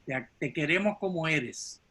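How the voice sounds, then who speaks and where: A man leading a class as its teacher in a conversational way, with a husky voice. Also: a little high, lively intonation, a little slow, bright, forceful tone.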